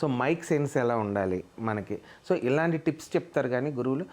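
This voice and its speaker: Fast-talking male mimicry artist. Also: mid-range voice, animated, darkish tone. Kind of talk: interview conversation.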